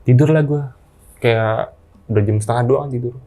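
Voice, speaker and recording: A man, casually recounting a ghost story as a guest, halting and unhurried with slangy asides. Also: mid-range voice, dark tone.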